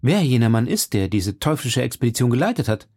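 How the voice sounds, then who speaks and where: A man voicing a hot-tempered young swordsman of twenty, speaking urgently and with agitation in a raised, gravelly voice. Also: mid-range voice, very animated, a little fast, a little mellow. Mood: agitated.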